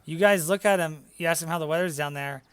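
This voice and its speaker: A man's voice: on the high side, fast, fairly bright tone, clean tone. A man narrating as dungeon master, casual and laughing, with some swearing. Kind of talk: narrating a tabletop game.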